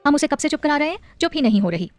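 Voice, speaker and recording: A woman's voice: high-pitched, sing-song, racing, no echo, soft background music, pitched above the performer's own voice. A woman voicing a firm but loving young wife and mother in an audio story, with a teasing, affectionate scolding manner.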